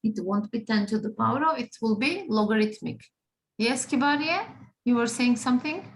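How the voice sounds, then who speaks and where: A woman's voice: fairly high pitch, normal speed, rough recording. A woman teaching a math class, patient, often checking in with the students. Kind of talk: classroom lesson.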